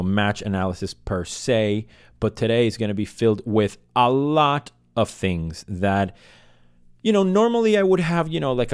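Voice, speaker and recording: A man hosts a casual, unscripted solo fan podcast, speaking in an emotional, passionate, feelings-led way. His lowish voice is smooth and a little mellow, recorded with clean studio sound and no echo.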